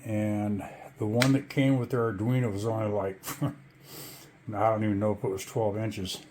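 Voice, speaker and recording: A man giving a casual, halting show-and-tell tutorial in an informal, laid-back way. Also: on the low side, fairly even intonation, noisy background. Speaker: DIY tutorial host.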